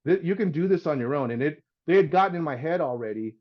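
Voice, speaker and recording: This is a fast, fairly high-pitched male voice with lo-fi sound. A middle-aged house painter on a podcast, he tells his story casually and with plenty of energy, voicing the other people in it and saying "man" and "dude" along the way.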